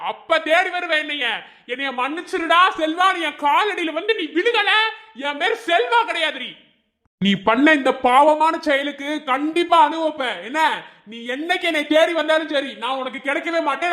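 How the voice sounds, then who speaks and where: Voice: high-pitched, fairly bright tone. A performer voicing a grieving, bitter young village man in a cartoon, with a Madurai Tamil accent. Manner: wounded, vowing, bitter.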